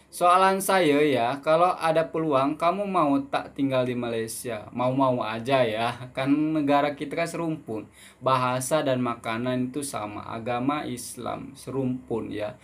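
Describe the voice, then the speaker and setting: A young man from Indonesia hosts a relaxed question-and-answer vlog, reading viewers' messages aloud and then replying. His pitch sits in a plain middle range for a man, and his talk is loose and friendly, peppered with "ya" and borrowed Malaysian and English words. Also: measured pace. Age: 20s. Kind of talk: casual Q&A vlog.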